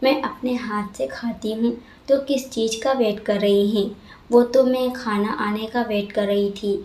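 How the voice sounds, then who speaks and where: A woman's voice: a little high, steady tone, measured pace, darkish tone, close to an everyday voice. A woman voicing a spoiled, sulky young woman who complains in a whiny, childish way, in a storybook reading, recorded with a roomy echo. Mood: complaining.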